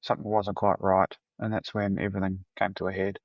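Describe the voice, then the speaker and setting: A man from New Zealand in his thirties, with a New Zealand accent, answers as a podcast guest in a plain, matter-of-fact way. His voice is low. The sound is dull and lo-fi, and the room is dry. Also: flat delivery, fairly quick, no room sound. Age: 30s.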